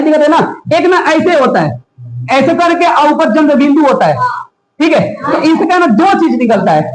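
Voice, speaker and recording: A male teacher giving a classroom lesson, constantly quizzing his students with repeated questions. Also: very high voice. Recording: echoey classroom.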